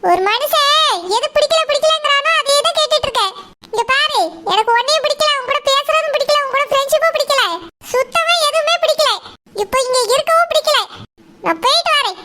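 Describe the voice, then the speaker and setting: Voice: extremely high pitch, a little fast. A voice actor playing a curt, scolding young husband in a cartoon. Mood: scornful. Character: young husband, scornful and short-tempered. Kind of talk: cartoon voice acting. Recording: loud background noise.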